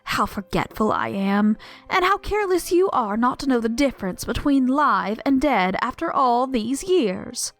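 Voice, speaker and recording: A woman voicing an ogre's wife in a storybook reading, chiding and fussing in a bouncy, lively voice. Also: fairly high pitch, moderate pace. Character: ogre's wife, scolding fussy giantess.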